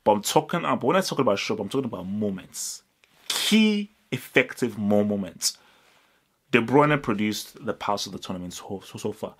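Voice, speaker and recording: A young man hosting a football channel, giving animated direct-to-camera match analysis indoors, stressing points and repeating words. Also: on the low side, moderate pace, husky. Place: indoors, small room with curtains.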